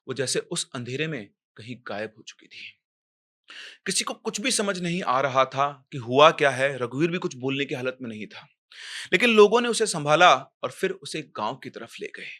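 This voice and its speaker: Bright-voiced man telling a horror story. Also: mid-range voice. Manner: dramatic, rising in tense moments and dropping to a hush; chatty asides to the listener. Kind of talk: casual storytelling narration.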